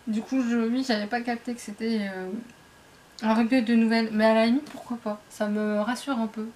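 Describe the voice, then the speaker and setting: A young woman with a slightly high voice chats through a book haul in front of her camera at home. She rambles, stumbles and corrects herself as she goes, with a faint hiss of room noise behind her. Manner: rambling, self-interrupting, chatty. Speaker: book vlogger. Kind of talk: casual book haul vlog. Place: indoors at home, dim light. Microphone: camera facing her.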